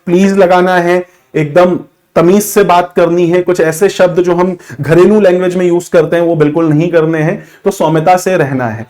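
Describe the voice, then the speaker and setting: A man's voice: high voice, fairly even intonation, moderate pace, hardly any pauses, darkish tone. A man teaching exam interview tips in a coaching lesson, speaking instructively, repeating key points and addressing students directly. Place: classroom with a board.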